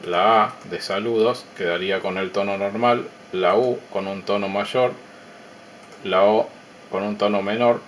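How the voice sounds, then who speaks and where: A man walks through his electronics project in a calm, measured, explanatory tone and pauses between ideas. His voice sits a little low. A faint hiss runs behind him. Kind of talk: technical demo narration.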